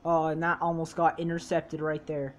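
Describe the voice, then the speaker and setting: A woman's voice: sits low, completely flat delivery, moderate pace. Young woman, casual gaming commentary, bossy teasing coach, exasperated outbursts. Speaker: gaming channel co-host coaching her sister.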